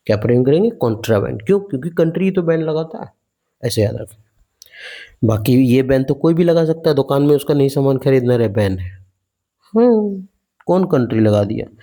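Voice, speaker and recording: A man runs an exam-prep vocabulary lesson in a mellow, warm tone. His pitch sits in the ordinary middle range for a man. He explains through repeated rhetorical questions and folksy memory tricks. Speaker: teacher.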